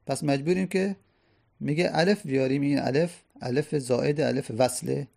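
A man's voice: mid-range voice, fairly even intonation, gravelly, warm tone. A man teaching a grammar lesson, explaining step by step and answering his own questions.

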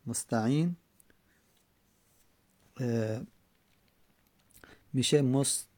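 A man teaching Arabic grammar, reading a text and slowly repeating word forms aloud. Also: medium pitch, dark tone, dry recording. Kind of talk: classroom lesson with text reading.

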